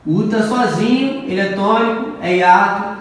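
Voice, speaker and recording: High-voiced male teacher in an echoey room. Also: normal speed. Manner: patient, repeats rules and keeps checking with "ok?". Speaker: Portuguese teacher. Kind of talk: lesson going over grammar exercises. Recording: echoey room, from far off, faint noise.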